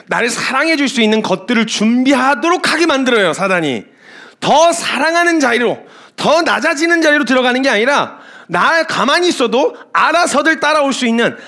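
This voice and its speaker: A man, a missionary preacher, giving a sermon with emphatic storytelling and lively asides. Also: extremely high pitch.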